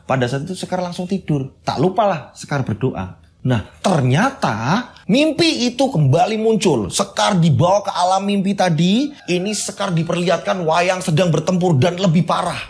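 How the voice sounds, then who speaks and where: A man's voice: high voice, lively intonation, moderate pace, darkish tone, slight background noise. A man hosting a channel and telling a horror story in a casual, chatty way, repeating phrases and adding asides.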